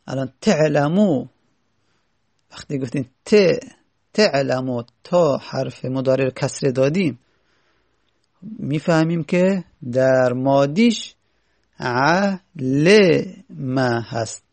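Reading from a grammar text in a classroom lecture, a male teacher explains each line patiently and plainly and frequently asks the class rhetorical questions. He has a mid-range, slightly mellow voice with long pauses and no room sound.

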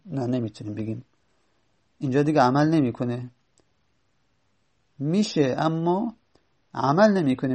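Guy teaching grammar, kinda gravelly voice, slow and patient, repeats stuff. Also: on the high side, darkish tone. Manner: patient, repeats examples slowly. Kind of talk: explaining lesson.

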